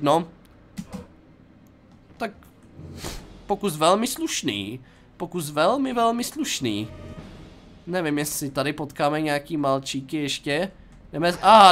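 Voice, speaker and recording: A man's voice: fairly high pitch, a bit bright. A young Czech man giving playful, jokey commentary while playing a game, talking to himself and to his viewers. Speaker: gaming YouTuber. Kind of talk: casual gameplay commentary.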